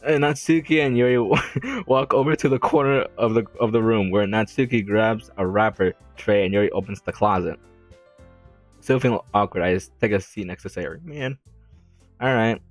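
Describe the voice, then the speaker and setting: A man's voice: fairly low pitch, moderate pace, no room sound, faint music behind. A young man reading a visual novel aloud into a desk mic, adding rambling, self-deprecating comments and frequent giggles. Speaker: let's play gamer.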